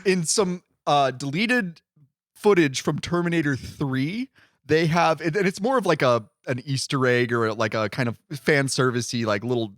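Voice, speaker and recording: A man's voice: fairly high pitch, normal speed, fairly bright tone, no echo, studio quality. A man co-hosting a casual podcast, rambling and correcting himself as he tells stories. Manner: rambling, self-correcting storyteller. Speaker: podcast co-host.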